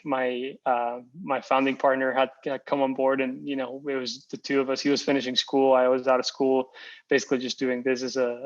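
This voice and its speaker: A young man from Costa Rica, the guest, telling his story in a relaxed interview with many fillers and repeated words. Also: medium pitch. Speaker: founder and guest. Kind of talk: casual interview. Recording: slightly dull lo-fi audio.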